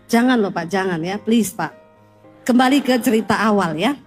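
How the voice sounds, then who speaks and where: A woman pastor preaching a sermon to a congregation in a church. She tells lively stories with teasing humor and keeps calling out to her listeners. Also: medium pitch, normal speed, faint music behind.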